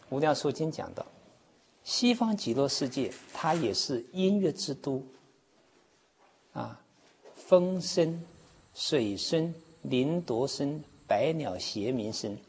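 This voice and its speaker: A man explains in an unhurried Buddhist lecture, stretching "ah" sounds between his points. His pitch rises and falls with animation. Soft music lingers faintly in the background. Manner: slow, explaining, with drawn-out "ah" particles. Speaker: Buddhist teacher.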